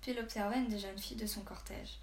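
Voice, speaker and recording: A woman reading a novel aloud as an audiobook narrator, in a steady, even storytelling voice. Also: medium pitch, fast. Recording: roomy echo, faint background hiss.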